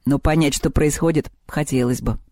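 A man voicing a calm, level-headed boy with a dry, philosophical manner in a storybook reading. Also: fairly high pitch, normal speed, no echo, natural voice.

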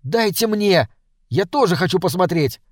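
A man's voice: high voice, lively intonation, normal speed, no echo, studio quality, pitched above the performer's own voice. A man voicing an impatient boy on a starship who speaks eagerly. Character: impatient boy crew member, keen artist.

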